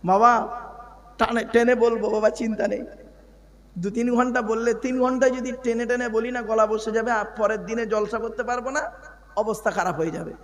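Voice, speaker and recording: High-voiced preacher in echoing hall. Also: male voice. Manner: animated, questions the crowd, chants drawn-out phrases. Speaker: Islamic preacher. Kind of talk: sermon. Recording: long hall reverb.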